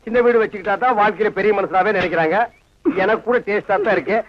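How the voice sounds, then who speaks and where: A man playing a sharp-tongued village grouch. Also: high voice, quick pace, slight background noise, close to an everyday voice. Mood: mocking. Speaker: grumpy householder in a comedy film. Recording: dull lo-fi film soundtrack.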